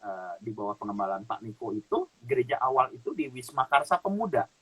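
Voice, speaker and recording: A man giving an animated spiritual testimony as a talk-show guest, laughing often as he tells it. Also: mid-range voice, a little fast, breathy edge.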